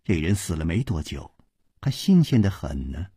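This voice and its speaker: A male storyteller performing a long-form story broadcast. His voice is husky and dry, with a wildly animated pitch as he builds suspense. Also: moderate pace, dry recording. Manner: dramatic, shifting tempo and pitch.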